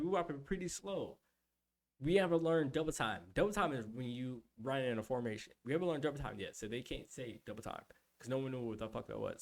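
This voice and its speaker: A man's voice: mid-range voice, gravelly, darkish tone. A young adult man streaming, telling a rambling, profane story in casual chat.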